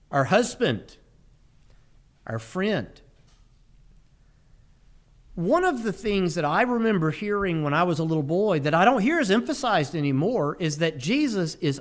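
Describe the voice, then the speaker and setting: A middle-aged man preaching a sermon, telling stories with energy and repeating key phrases for emphasis. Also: high-pitched. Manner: animated storytelling, emphatic repetition.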